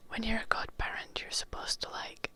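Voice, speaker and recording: A woman's voice: normal speed, bright, forceful tone. A young woman from Finland whispering as she answers viewer chat in a casual ASMR livestream, close to the mic. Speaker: ASMR streamer.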